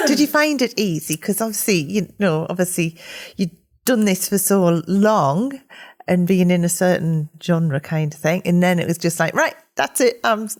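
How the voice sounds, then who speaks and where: Podcast host, woman, low-ish voice, affirming and encouraging. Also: expressive, moderate pace, a little mellow. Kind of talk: podcast interview.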